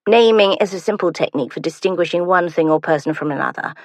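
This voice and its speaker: A woman's voice: lowish voice, fast talker, dry recording, close to an everyday voice. A woman voicing a young duke who sounds lofty and bored, grumbling at his companion in an audiobook.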